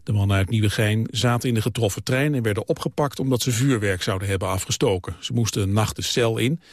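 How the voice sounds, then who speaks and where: A male newsreader reading the radio news in a steady, measured way. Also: on the low side, dry recording, clean studio sound. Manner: even, measured delivery. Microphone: studio microphone.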